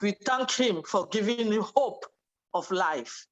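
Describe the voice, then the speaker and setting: A woman's voice: mid-range voice, expressive, takes it slowly, highs cut off. A woman from Cameroon speaking fervently on a video call, thanking and urging others to join. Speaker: webinar participant. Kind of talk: testimonial speech.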